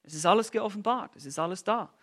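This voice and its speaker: Talking fast in a high voice, a man works through an expository sermon with emphasis, firing off rhetorical questions and sarcastic side comments. His volume rises in bursts, then drops to quiet lines.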